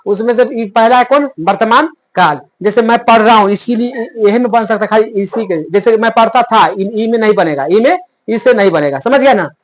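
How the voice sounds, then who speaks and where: A Sanskrit tutor with a high-pitched male voice runs through a grammar lesson in plain, rustic language, speaking fairly quickly with hardly any pauses. As a drill, he keeps posing a question and then answering it himself.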